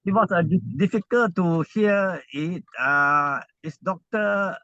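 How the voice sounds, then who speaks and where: A man from Malaysia, speaking on a car speakerphone while driving. He gives halting thanks on an online call, with many uh's and restarts. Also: sits high, sharp tone, smooth, dry recording. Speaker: webinar participant thanking the speaker. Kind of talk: casual spoken remarks on an online call. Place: inside a car. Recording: dull, muffled call audio from a car.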